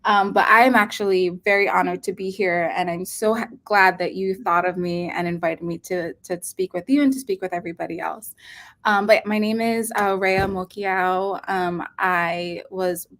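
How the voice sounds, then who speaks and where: A woman in her thirties from Hawaii, speaking as a pediatric nephrologist guest in an earnest, unhurried way with many um fillers. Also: fairly low pitch, steady tone, fairly bright tone. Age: 30s. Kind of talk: casual interview talk.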